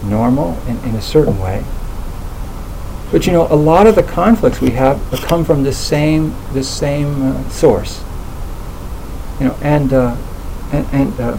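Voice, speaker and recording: A man speaking thoughtfully in a relaxed conversational talk, hesitating often with fillers and restarts. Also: medium pitch, vocal fry, a little hiss or hum, rough recording.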